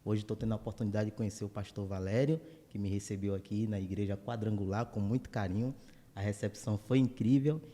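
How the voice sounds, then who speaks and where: Young preacher, mellow voice. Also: male voice, lowish voice, steady tone, fast, big-room sound. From Salvador, Bahia, Brazil. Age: 20s. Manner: warm, grateful churchly greetings. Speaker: guest preacher, church elder. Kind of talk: casual interview talk.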